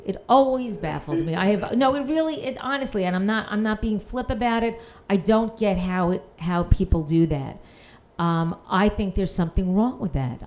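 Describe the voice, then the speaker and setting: A woman from Queens, New York performs a dry, self-mocking stand-up set on a comedy panel show, reading messages aloud with sarcasm. Her voice is mid-range with a darkish tone, and audience laughter can be heard.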